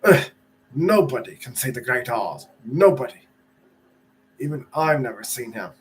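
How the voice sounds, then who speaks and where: A grumpy, fussy gatekeeper from a storybook, voiced by a man. He sounds gruff and impatient, as if every visitor wastes his time. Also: medium pitch, lively intonation, unhurried, slight background noise, natural voice.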